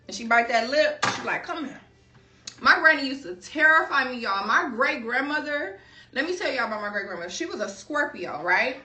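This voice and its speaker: A woman's voice: sits high, pushed and bright. A woman from Chicago giving a casual tarot reading, chatty and drifting into personal stories while calling her viewers y'all. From Chicago, USA. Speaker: tarot card reader. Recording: echoey room, voice a bit far from the mic.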